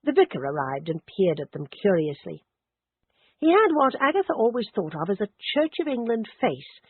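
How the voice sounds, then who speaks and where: A woman narrates an audiobook in a measured, descriptive way, and her pitch moves with the text. Her voice is slightly husky. The recording is dry and narrowband, like a phone line. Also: dry recording. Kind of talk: scripted narration.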